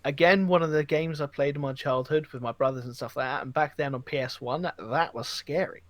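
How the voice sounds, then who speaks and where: This gaming podcast host speaks in a brisk, higher-leaning voice with no echo. He rambles through casual, animated stories, acting out the reactions he quotes.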